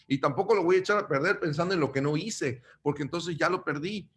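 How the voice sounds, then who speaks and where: A man from Mexico preaching a sermon, addressing his listeners as brothers and swinging between loud emphatic bursts and quiet low asides. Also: quick pace.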